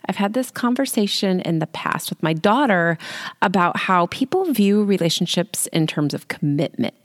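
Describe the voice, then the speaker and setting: A woman's voice: on the low side, animated, moderate pace, no room sound, studio quality. A woman in her late forties hosting a solo podcast, chatting casually and informally into a handheld microphone in a small closet. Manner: chatty, informal, self-deprecating. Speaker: podcast host and life coach. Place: small closet at home, sitting on the floor. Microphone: handheld microphone without pop filter.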